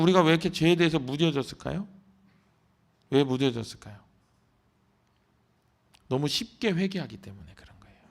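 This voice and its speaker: A man's voice: on the high side, gravelly. A male pastor preaching at an early-morning prayer service, telling a story and asking the congregation questions. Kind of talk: sermon. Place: church.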